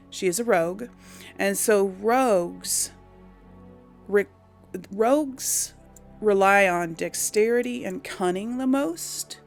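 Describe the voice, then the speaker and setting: Over background music, a woman with a medium-pitched, gravelly voice hosts casual game commentary. She talks informally to her audience, thinking aloud as she rambles along.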